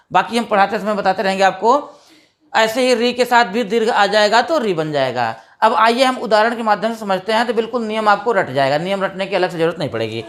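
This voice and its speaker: A woman teaching a grammar lesson, patiently asking questions and answering them herself, drawing out key sounds slowly. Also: mid-range voice. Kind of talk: explanatory classroom lesson.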